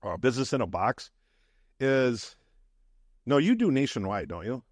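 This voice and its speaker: A man from the Midwest talks through his business story in a folksy, chatty way, swinging between stories and asides. His voice sits in a middle pitch, and it is recorded close and dry with no room sound. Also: sing-song, normal speed, dry recording. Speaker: podcast guest, real estate investor. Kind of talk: casual interview chat.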